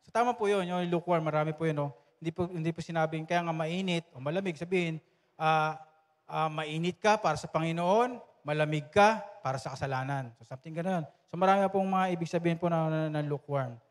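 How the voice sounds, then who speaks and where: A man, a pastor preaching a sermon in a measured way. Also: a little high, in a large hall. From Philippines. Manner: measured, searches notes aloud.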